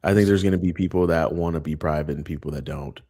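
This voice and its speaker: A man's voice: very deep voice, steady tone, fast talker, mellow. A man co-hosting a podcast in loose, casual chat, joking and swearing freely. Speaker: podcast co-host.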